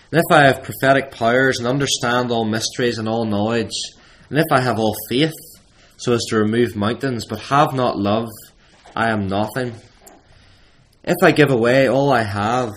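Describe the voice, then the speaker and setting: A man leading a church service, reading scripture at a pulpit microphone in a measured, deliberate way with emphatic pauses. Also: mid-range voice, slight background noise.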